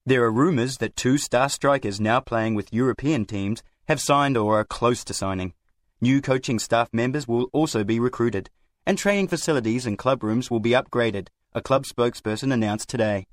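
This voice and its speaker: A man's voice: medium pitch, moderate pace, dry recording. A man reading a scripted sports news report in a formal manner.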